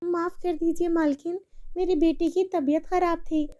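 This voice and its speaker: Woman playing a meek, poor cartoon maid, very high and mellow voice. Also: fairly even intonation, unhurried. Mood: humble. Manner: pleading, humble. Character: poor humble young maid, mother.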